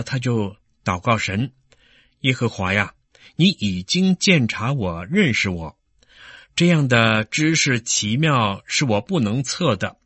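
A man preaching a sermon in an earnest teaching tone, slowing down when he reads scripture. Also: medium pitch, a bit bright, slightly rough, no echo.

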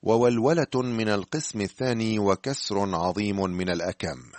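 Man, very low voice, radio Bible teacher, measured and earnest, dry studio sound. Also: a little mellow, no room sound. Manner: measured, earnest address to the listener.

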